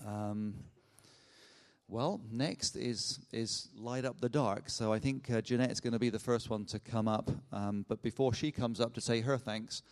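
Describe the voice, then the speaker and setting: A man's voice: medium pitch, clear, resonant tone. A man giving church announcements to a congregation, hesitant with many filler sounds and light humor. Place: church sanctuary. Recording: echoey church hall.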